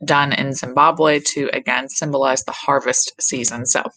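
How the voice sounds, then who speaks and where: A woman's voice: extremely low pitch, steady tone, moderate pace, pushed and bright. A woman teacher talking to her class over a video call, friendly and self-deprecating, asking questions. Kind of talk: online class talk.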